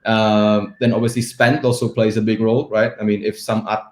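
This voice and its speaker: A man from the Czech Republic, a guest in an interview, talking in a relaxed, rambling way and often checking in with "right?". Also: fairly low pitch, a little fast. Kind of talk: casual interview talk. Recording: roomy echo.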